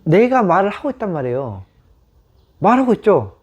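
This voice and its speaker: A man's voice: high voice, sing-song, normal speed, slightly rough. Man questioning listeners in a dharma talk. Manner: questions the audience, repeats key words. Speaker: meditation teacher. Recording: dull lo-fi sound.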